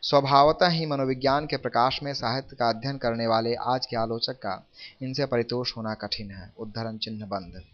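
A man reading a formal literature lesson aloud in a measured, careful way, slowing down to recite verse examples. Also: medium pitch, fairly bright tone. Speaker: reader of a literature textbook. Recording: dull lo-fi recording.

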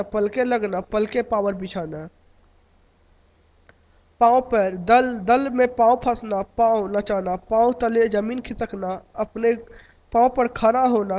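Male teacher, very high-pitched, steady list-reading delivery, muffled lo-fi recording. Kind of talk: reading a list of Hindi idioms. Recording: dull lo-fi recording.

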